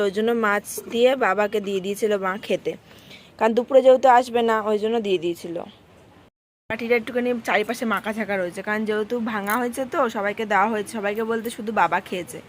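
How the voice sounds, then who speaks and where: A woman's voice: medium pitch, a little hiss or hum. A woman, chatting to viewers in a casual home vlog. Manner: chatty, talks to viewers directly. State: hoarse. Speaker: vlogger.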